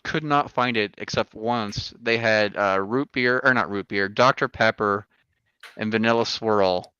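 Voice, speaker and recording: A man's voice: on the low side, a little slow, bright, forceful tone, clean tone, dry recording. A man chatting casually with friends on a group call. His voice comes through a thin, tinny mic that sounds like a speakerphone or intercom. He rambles, with frequent restarts. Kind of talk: casual group chat over an online call.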